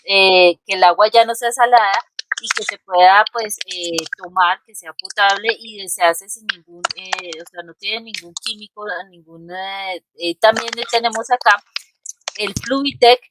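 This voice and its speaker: A woman's voice: medium pitch, steady tone, a little slow. A woman host presenting and asking questions, hesitant and full of fillers as she reads out details. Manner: hesitant, many fillers and restarts while reading out details. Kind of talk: interview introduction and questions. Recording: clear background noise, typing.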